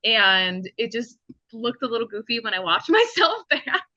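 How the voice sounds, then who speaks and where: Chatty woman, bright voice. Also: a little high, big pitch swings, moderate pace, dry recording, muffled recording. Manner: chatty, laughs often. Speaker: podcast guest, cryptid costume performer. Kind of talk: casual chat. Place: home, indoors.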